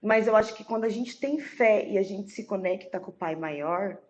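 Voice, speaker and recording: A woman's voice: medium pitch, normal speed, highs cut off, a little hiss or hum. A woman in an interview, talking earnestly and emphatically about faith and her dreams. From Brazil. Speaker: podcast guest. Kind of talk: casual interview chat.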